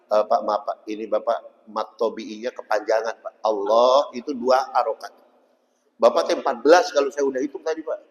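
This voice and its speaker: A man's voice: medium pitch, fairly even intonation, normal speed, lo-fi sound, pitched below the performer's own voice, natural voice. A male preacher acting out a fussy young man who politely corrects someone's recitation in a mosque. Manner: nitpicking, overly polite. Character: fussy male tajwid student correcting an adhan caller. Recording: long mosque-hall reverb.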